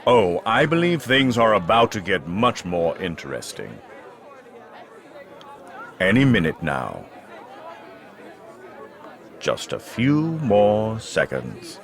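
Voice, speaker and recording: An actor playing an imperious, menacing dark sorcerer in a comic fantasy audio drama, with a grandiose, haughty delivery. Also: male voice, fairly low pitch, big pitch swings, slow, creaky, pauses often, a faint crowd, heavily acted. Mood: sly, haughty.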